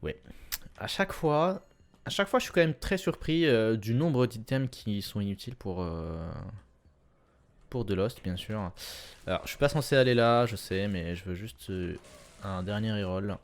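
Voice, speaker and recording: A man's voice: on the low side, moderate pace. Chatty young man narrating his gameplay. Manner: chatty, self-correcting, lots of filler sounds, sudden excited bursts. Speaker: gameplay commentator. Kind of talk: casual let's-play commentary.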